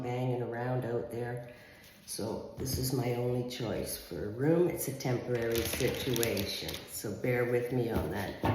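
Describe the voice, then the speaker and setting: A woman's voice: a bass voice, a little mellow. A woman giving a casual, conversational tarot reading in an empty house, with big hall echo around her voice. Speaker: tarot reader.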